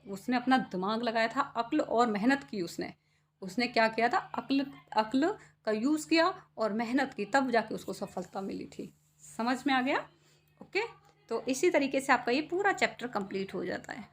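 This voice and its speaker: Woman teacher w/ a highish voice, patient, keeps asking the kids stuff then answers it herself. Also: lively intonation, moderate pace. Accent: Hindi. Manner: patient, asks questions and answers them herself. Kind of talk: classroom lesson explaining a poem.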